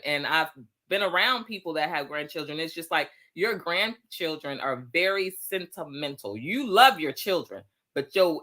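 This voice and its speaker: A woman hosting a casual talk show, chatting in a slangy, animated way and reading out listener comments. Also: lowish voice. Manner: animated, slangy, acts out quoted friends. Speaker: host.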